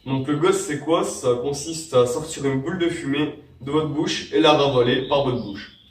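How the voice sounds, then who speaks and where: Fairly high-pitched and speaking at a normal speed, this young man hosts a vape tricks tutorial while nursing a cold. He rambles through the casual how-to, full of fillers and false starts, recorded in an echoey room with a distant mic.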